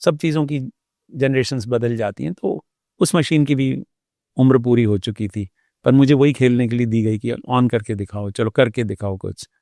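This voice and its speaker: A man with a warm, mellow voice tells his own story as an interview guest. He pauses often and sounds reflective. The recording is dry and close, with no room sound. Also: medium pitch, no room sound. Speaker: doctor.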